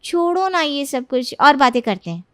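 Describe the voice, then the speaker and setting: A woman's voice: sits high, big pitch swings, normal speed, no room sound, studio quality. A woman voicing a kind, obliging young woman in a cartoon story, talking sweetly and always ready to help. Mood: fretting.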